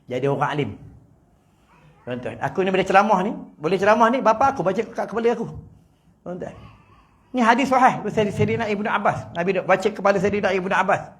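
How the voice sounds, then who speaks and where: A man with a Malaysian Malay accent giving a humorous religious lecture in a prayer hall, teasing his audience and swinging between loud and soft. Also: high voice, fast. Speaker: preacher.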